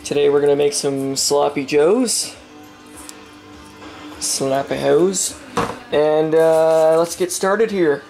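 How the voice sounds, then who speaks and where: A man's voice: fairly high pitch, steady tone, takes it slowly, creaky, pauses often, darkish tone. A young man chatting casually while cooking in his home kitchen, rambling with lots of fillers and the odd swear word. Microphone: handheld camera mic. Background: music playing in the kitchen.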